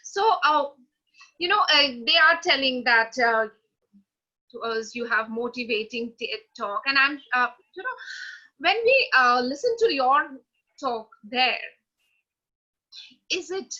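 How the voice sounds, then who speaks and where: A woman moderating a webinar, halting as she searches for words while putting questions to a guest. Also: sits high, animated, sharp tone. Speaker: webinar host. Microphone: video call. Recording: slightly dull online call audio.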